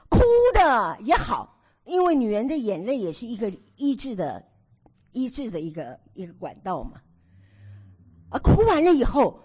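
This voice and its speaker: A woman in her sixties preaching to a women's meeting, telling stories from her own marriage with animated, theatrical delivery. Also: on the high side, breathy edge. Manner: animated storytelling, acts out her own past nagging. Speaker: women's ministry speaker.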